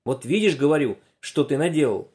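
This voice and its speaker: Man reading a kids story out loud, really expressive, voice jumps all over. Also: on the high side, fairly quick. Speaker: narrator. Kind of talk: storytelling narration.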